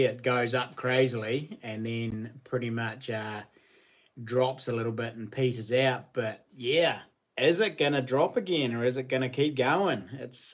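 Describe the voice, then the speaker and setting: A middle-aged man with a broad New Zealand accent, chatting casually and matily to viewers as a livestream host, in a laid-back, slangy way. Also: medium pitch. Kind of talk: casual chat to live viewers. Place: living room at home.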